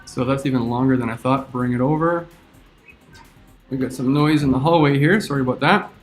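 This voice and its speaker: A man teaching a screen-recorded software tutorial, talking through each step as he clicks. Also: medium pitch, brisk, soft background music.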